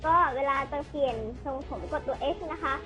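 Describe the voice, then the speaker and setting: A woman's voice: sits high, fairly even intonation, normal speed, music in the background, rough recording. A young woman giving casual gameplay commentary over a Bluetooth headset, chatty and explaining the controls as she plays. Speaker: gameplay streamer.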